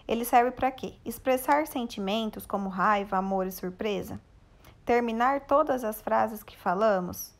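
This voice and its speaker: A woman teacher with a Brazilian Portuguese accent, giving a recorded lesson for children and patiently guiding the class with questions. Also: a little high.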